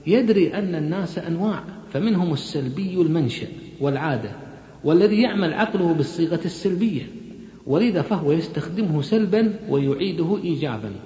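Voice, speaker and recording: A man giving a brisk, instructive self-help lecture that is full of examples. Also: fairly high pitch, a little mellow. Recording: echoey hall, muffled sound.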